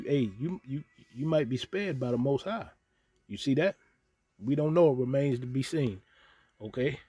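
Over a screen recording, this man comments on the news from a religious angle in a casual way, reading scripture aloud and ending almost every point with "okay?". An online preacher, he speaks in a mellow, slightly rough, medium-pitched voice, with no room sound.

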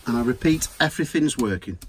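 A man films a handheld walkaround tour of a small camper van on his phone, giving an upbeat, chatty sales patter. His medium-pitched voice is animated and fast, with noise in the background.

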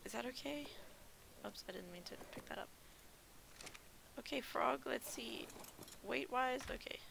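A woman's voice: fairly high pitch, measured pace, gravelly, noisy background. A woman giving casual gameplay commentary as a gaming YouTuber, panicky, repeating herself in bursts and laughing nervously.

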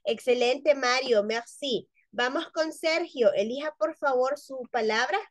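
A woman's voice: sits high, measured pace, no room sound. A woman teacher running a class spelling contest, spelling words out letter by letter in a patient, encouraging way. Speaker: French teacher.

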